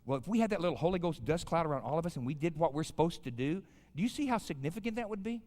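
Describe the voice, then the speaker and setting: An animated American preacher in his fifties speaks fast in a fairly high voice as a guest pastor in a large indoor chapel. He's folksy and colloquial, telling stories and throwing questions at the audience. The live hall adds a long reverb.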